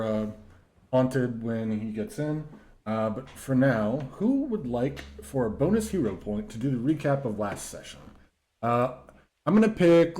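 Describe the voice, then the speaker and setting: A man acting as game master, chatting casually and halting with fillers before the session. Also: mid-range voice, dark tone, reverberant. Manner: halting, with many fillers and restarts.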